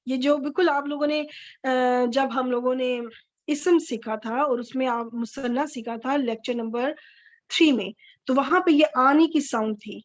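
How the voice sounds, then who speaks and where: High-voiced woman teaching grammar, patient. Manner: patient, repeats verb forms slowly and stresses endings. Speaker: Quranic Arabic grammar teacher. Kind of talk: recorded online grammar lecture. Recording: dull lo-fi recording.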